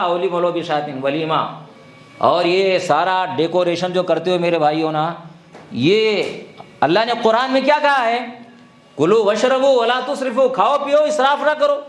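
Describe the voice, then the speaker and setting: A man's voice: high-pitched, roomy sound. A man preaching a sermon, exhorting his listeners with rhetorical questions.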